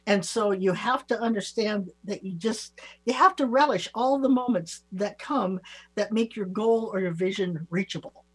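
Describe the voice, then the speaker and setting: A woman giving spiritual advice as a psychic on a talk show, informal, halting and reassuring. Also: medium pitch, slightly rough. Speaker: psychic reader and show co-host.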